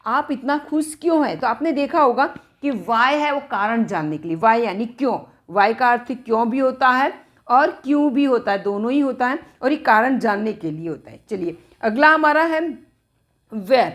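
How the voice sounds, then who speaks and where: A woman teaching English grammar in Hindi, who reads each English example slowly and repeats it. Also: a little high, expressive. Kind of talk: spoken grammar lesson.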